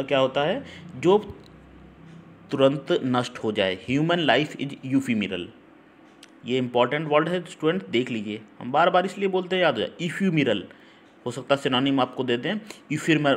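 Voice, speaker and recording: A man's voice: medium pitch, slight background noise. Hindi-speaking man teaching English grammar. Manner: repetitive, checks in with listeners (ठीक? हम्म?); spells out words letter by letter and reads English sentences slowly. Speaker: English teacher for exam prep.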